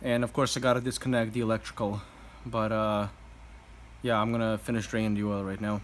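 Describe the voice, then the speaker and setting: A man vlogging casually while he works on a motorbike indoors, talking with a relaxed manner and thinking aloud with fillers. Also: fairly low pitch, a little fast, noisy background. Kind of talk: casual commentary while working. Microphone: camera mic, handheld then set down.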